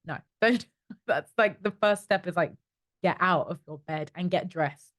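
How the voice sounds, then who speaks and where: A woman's voice: on the low side, a little slow, no echo, studio quality. A young woman from East London with a London accent, telling stories in a casual interview as a company co-founder. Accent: London English. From East London, England. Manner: chatty, animated storytelling with acted-out inner voices. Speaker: startup co-founder, guest.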